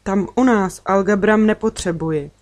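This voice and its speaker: Alien girl, calm and kind, serious and gentle, as a woman reader puts her on. Storybook. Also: mid-range voice, natural voice. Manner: serious, gentle, matter-of-fact.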